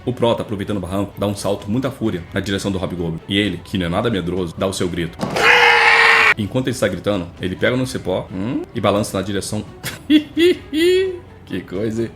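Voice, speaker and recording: A man narrating a comic manhwa recap, with jokey asides. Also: lowish voice. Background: faint music.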